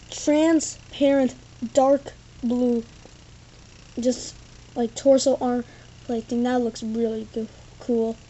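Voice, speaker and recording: A woman's high-sitting, dark-toned voice carries a loose, rambling toy review peppered with "like" and "thing". The recording is low quality, made with the built-in mic of a tripod camera in an indoor room with a carpeted floor.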